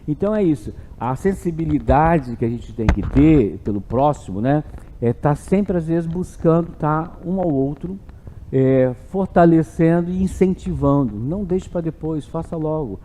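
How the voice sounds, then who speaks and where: A man's voice: a little high, expressive, unhurried, dark tone, slight background noise. A male gynecologist giving a health talk to an audience at an event, conversational and often checking in with "né?". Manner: conversational, keeps adding "né?" and "tá?". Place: event hall. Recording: long hall reverb.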